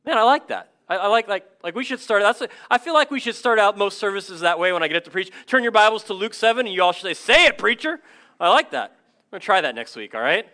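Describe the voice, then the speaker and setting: Pastor guy in his 30s preaching, bright higher voice, chatty and animated. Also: fast talker. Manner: energetic, conversational preaching with asides and self-deprecating stories. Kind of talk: sermon.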